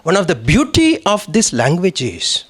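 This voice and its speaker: Male speaker, lively rising-falling delivery, fairly high voice, halting with fillers. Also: slight background noise. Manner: animated, many fillers and restarts. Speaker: conference speaker. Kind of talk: lecture on Tamil literature.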